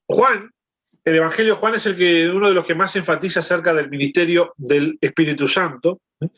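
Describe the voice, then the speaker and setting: A man's voice: on the high side, fairly even intonation, a little fast, a bit bright, lo-fi sound. A man leading a Bible lesson over a video call, explaining and often checking in with his listeners. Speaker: Bible study teacher.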